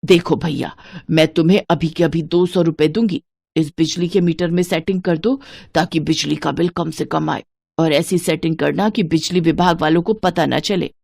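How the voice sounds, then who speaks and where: A woman's voice: low voice, fairly even intonation, normal speed, gravelly, a little mellow, no echo. A woman voicing a stingy scolding mother-in-law. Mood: bossy. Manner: scolding, penny-pinching. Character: stingy, scheming middle-aged mother-in-law.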